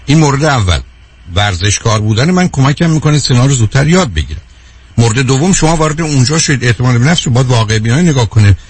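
Husky-voiced Iranian man lecturing on radio. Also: mid-range voice, animated. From Iran. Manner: emphatic, lecturing with rhetorical questions. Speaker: radio show speaker. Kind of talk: radio talk show monologue.

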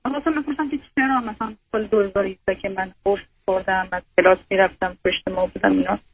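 A woman's voice: mid-range voice, steady tone, highs cut off, slight background noise. A young woman calling in to an advice show, hesitant and unsure of herself. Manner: hesitant, self-doubting. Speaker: caller. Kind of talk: phone-in call.

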